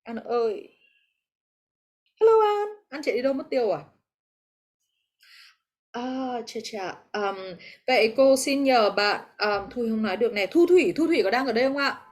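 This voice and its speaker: High-voiced woman teaching English online. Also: normal speed. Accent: Vietnamese. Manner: encouraging, mixes English terms into explanations. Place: video call.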